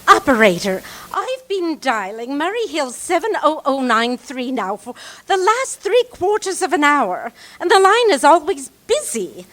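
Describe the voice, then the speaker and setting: High-pitched, fretful invalid wife played by an actress. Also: female voice, sing-song, a little slow, few pauses, fairly bright tone, heavily acted. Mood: fretful, nervous. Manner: fretful, flustered, insistent. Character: nervous, fretful invalid wife alone at home. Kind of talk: old-time radio drama acting.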